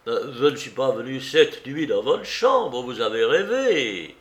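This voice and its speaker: A man's voice: mid-range voice, big pitch swings, a little slow. Man doing a curt, brazen priest. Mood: curt defiant. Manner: curt, defiant.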